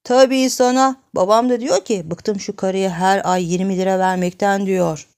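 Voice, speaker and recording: A woman voicing a bratty little boy who brags and taunts in a high, childlike voice. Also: fairly even intonation, normal speed, darkish tone, natural voice. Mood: cheeky. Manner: taunting, bragging.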